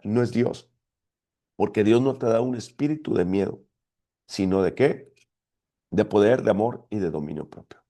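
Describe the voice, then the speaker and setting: A man's voice: medium pitch, gravelly, warm tone. A man preaching a sermon as pastor, emphatic and full of rhetorical questions. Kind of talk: sermon teaching.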